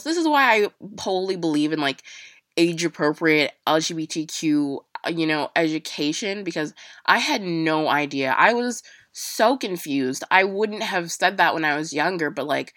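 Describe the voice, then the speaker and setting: A young woman talks through a personal story in a loose, halting way, leaning on fillers and restarts. Her voice is bright and a little low-pitched, and the sound is dry and close. Emotion sits just under the surface as she speaks. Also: dry recording. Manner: casual, halting, many fillers. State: emotional, near tears.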